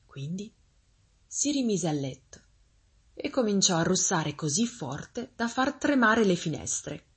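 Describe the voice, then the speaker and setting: A woman reading a fairy tale aloud as a storyteller, expressive and gently paced. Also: medium pitch, takes it slowly, slightly rough.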